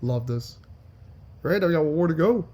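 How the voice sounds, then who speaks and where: This gaming channel host, a young adult man, has a fairly high, warm, slightly nasal voice with lively intonation and a normal pace. His gameplay commentary is casual and chatty, wandering around with frequent restarts and filler "likes."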